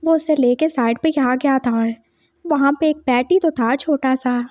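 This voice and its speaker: Woman storyteller, casual chatty fan fiction narration, high voice, dry close recording. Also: unhurried, darkish tone, dry recording. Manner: casual, chatty retelling with asides.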